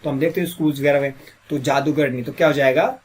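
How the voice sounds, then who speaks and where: A man teaches an English grammar lesson in a husky, slightly raised voice. His throat is a little sore, so he keeps clearing it. He drills the listener with the same question again and again. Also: on the high side, steady tone, fast talker, a little mellow.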